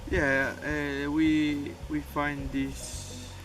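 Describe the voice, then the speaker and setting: Flat-voiced hesitant young man. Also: on the high side, extremely slow. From Peru. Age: young adult. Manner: hesitant, broken phrasing. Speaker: volunteer. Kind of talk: interview answers. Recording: distant mic with loud music.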